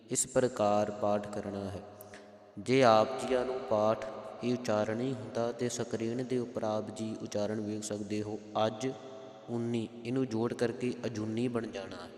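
Slow, deliberate male scripture teacher. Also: fairly low pitch, darkish tone. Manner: deliberate, spells out vowel marks, chants lines slowly. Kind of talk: slow pronunciation lesson with chanted verses. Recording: echoey room with long reverb.

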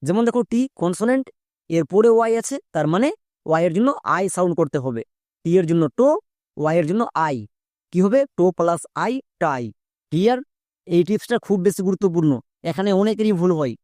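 An English pronunciation teacher giving a spoken spelling lesson, breaking words into sounds step by step and pausing for quick check-in questions. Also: mid-range voice, expressive, a little mellow, no room sound, clean studio sound. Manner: repetitive, patient explaining.

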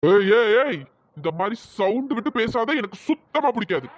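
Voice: mid-range voice, sing-song, fairly quick, dry recording. A voice performer playing a brash young man who boasts and pushes a girl for her phone number, with a bossy manner. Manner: bossy and threatening, then pleading. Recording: dull lo-fi voice track.

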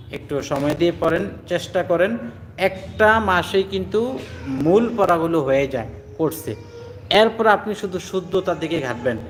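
A man leads a Quran reading lesson, his voice sitting a little high. He talks patiently and repeats each Arabic letter sound slowly for his students. Faint background noise sits under the recording. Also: fairly bright tone. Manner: patient, repetitive, drills letter sounds aloud. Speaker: Quran teacher. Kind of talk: online Quran reading class.

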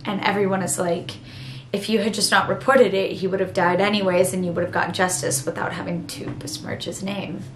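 A young woman acting a dramatic monologue as an embarrassed, sorrowful woman confessing something painful, halting and self-conscious. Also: mid-range voice, flat delivery, lightly acted. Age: young adult. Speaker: actor performing a monologue. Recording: roomy echo, clear background noise.

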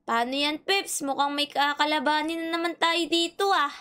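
A woman's voice: high-pitched, moderate pace. A woman, cheerfully commenting while playing a game with friends. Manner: excitable, cheery, giggly. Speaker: gaming channel host.

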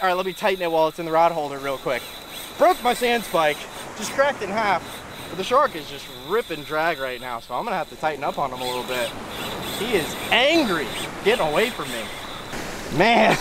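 A fishing vlogger in his thirties, with a high voice, casually narrates on camera while fishing from a sandy beach by the surf. He explains each step and gets excited when fish bite. Shot with a head-mounted and handheld action camera, the audio carries loud crashing waves and wind.

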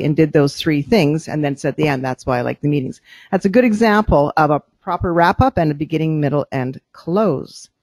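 A woman's voice: low voice, a little mellow, no room sound. A woman leading a club meeting in a cafe, calling on members and coaching them on short impromptu speeches. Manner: brisk, coaching, sums up answers. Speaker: meeting leader running table topics. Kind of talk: leading a club speaking exercise.

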